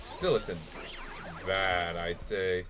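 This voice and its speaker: A man's voice: sits low, fairly even intonation, drawn-out words, a bit bright, faint music behind. A man giving casual, wry commentary while playing a video game with friends. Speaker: let's play commentator.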